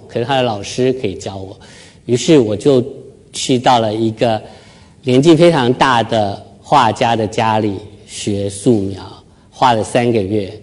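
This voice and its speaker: A middle-aged man from Taiwan speaks to an audience in a hall, at a voice of ordinary pitch. He tells his story with gentle, self-mocking humor and easy timing. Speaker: speaker giving a talk. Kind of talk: storytelling public talk. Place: lecture hall with live audience.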